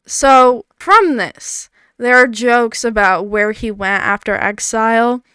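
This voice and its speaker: A woman's voice: a little high, takes it slowly, bright, forceful tone, clear, resonant tone, no echo, studio quality. A woman with a slight lisp giving casual, blunt commentary on an old comedy show, full of "like". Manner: chatty, blunt, peppered with "like".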